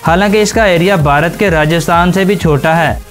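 High-voiced man narrating over music. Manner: brisk, addresses viewers as friends. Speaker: facts channel narrator. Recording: faint music under voice-over. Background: background music.

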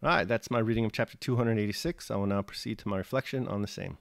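A man reading a novel aloud in a measured, expressive way, then reflecting on the chapter. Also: lowish voice, vocal fry. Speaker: host and reader.

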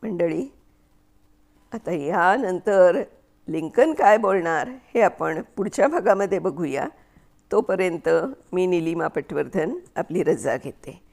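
A woman storyteller reading a story aloud in a measured, expressive way. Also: lowish voice.

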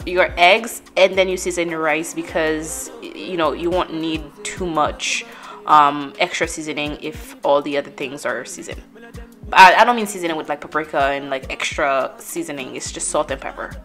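Brief: woman, fairly low voice, relaxed cooking vlog voice-over, chatty and self-correcting, faint music under her. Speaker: cooking vlogger.

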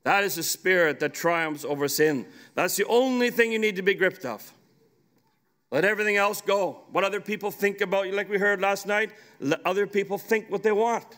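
High, bright-voiced emphatic preacher man. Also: normal speed. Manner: urgent and emphatic, rising to shouts. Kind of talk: sermon. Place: large conference stage. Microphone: podium microphone.

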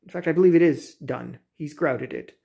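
A man's voice: on the high side, moderate pace, vocal fry, mellow, slightly rough. A man in his thirties giving a casual, rambling home tour vlog on a handheld phone in his kitchen, with many fillers and restarts. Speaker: homeowner vlogger. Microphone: phone camera, handheld selfie then walking.

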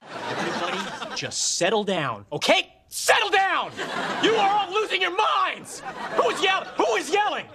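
A man's voice: high-pitched, sing-song, a little slow, crowd noise. Frantic panicking young guy. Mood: panicked. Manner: frantic, yelling. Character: panicking young man losing control. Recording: noisy TV audio with laugh track.

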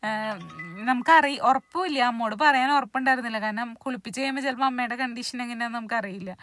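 Woman, thirties, chatty vlog narration, slightly high voice, dry close sound. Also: a bit bright, no room sound, faint music behind. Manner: chatty, homely, with many drawn-out fillers. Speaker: vlogger. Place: home, kitchen and yard.

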